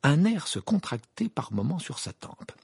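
A man narrating an audiobook in an expressive, dramatic reading style with a gravelly, husky voice. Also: a little high, moderate pace, no room sound, clean studio sound. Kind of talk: scripted narration.

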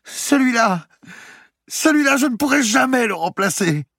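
A man's voice: very high voice, lively intonation, moderate pace, creaky, dark tone, dry recording, clean studio sound, pitched above the performer's own voice, exaggerated voice. A man reading the part of a grieving young woman, crying and pleading through her tears. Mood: anguished. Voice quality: tearful and pleading. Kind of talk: audiobook character reading.

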